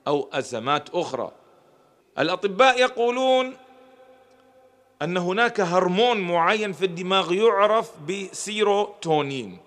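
A man's voice: fairly high pitch, a bit bright. A man giving a motivational lecture to an audience, addressing them directly and pushing key words upward for emphasis. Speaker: motivational speaker.

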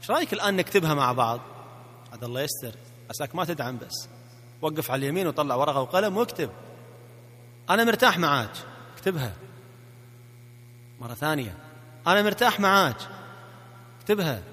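A man's voice: fairly high pitch, big pitch swings, fast, long pauses, a bit bright, in a large hall. A man with a Gulf Arabic accent coaching listeners in a recorded self-help lesson, playfully coaxing them to repeat phrases after him. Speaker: marriage coach.

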